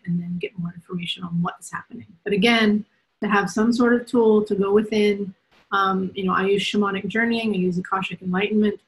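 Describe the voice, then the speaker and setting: A woman's voice: mid-range voice, rough recording. A woman hosting a live spiritual Q&A reading over a video call. She talks casually and giggles easily, checking in with "right?" and "okay?" all the time. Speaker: spiritual reader and host.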